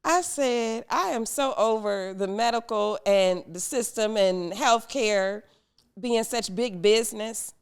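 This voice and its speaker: A woman's voice: on the high side, slow pace, smooth. A woman from the United States hosting a podcast, telling a story animatedly and acting out the people in it. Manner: animated, acts out quoted people, laughs often. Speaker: podcast host.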